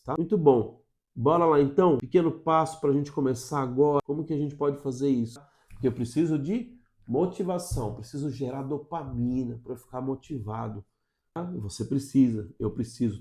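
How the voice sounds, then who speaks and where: Brazilian man, English teacher, mellow warm tone, upbeat, chatty check-ins. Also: medium pitch. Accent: Brazilian Portuguese. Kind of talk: casual video lesson.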